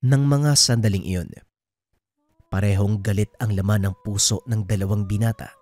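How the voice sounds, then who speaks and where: A man narrating a true horror story in a steady, scripted way. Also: fairly low pitch, normal speed, no echo.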